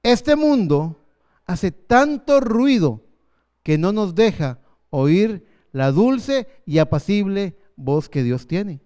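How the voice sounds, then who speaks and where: A man in his fifties preaching a sermon as pastor, earnest, slowing down for emphasis. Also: high voice, very animated, dark tone, smooth. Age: 50s.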